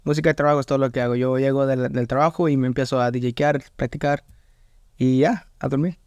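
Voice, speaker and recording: A man's voice: mid-range voice, steady tone, fairly quick, darkish tone, clean tone, no room sound. A man from the United States, a podcast guest who talks in a laid-back, hesitant way with short answers. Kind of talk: casual interview chat.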